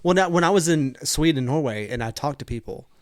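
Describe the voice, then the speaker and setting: A man's voice: a little high, animated, brisk, no room sound, studio quality. Laid-back man telling stories. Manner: laid-back storyteller, agreeable. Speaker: podcast co-host. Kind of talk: casual crude banter.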